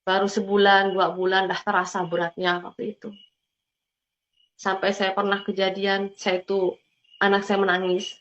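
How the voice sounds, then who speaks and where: A woman's voice: medium pitch, completely flat delivery, moderate pace, pauses often, fairly bright tone. A woman gives an emotional personal testimony. She tells her story earnestly and often turns to her listeners as brothers and sisters. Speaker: testimony speaker. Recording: dull lo-fi recording.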